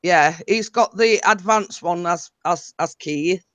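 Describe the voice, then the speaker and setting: A woman's voice: fairly low pitch, slow, a bit bright. A woman co-hosting a casual live stream, chatty and reading out viewer comments.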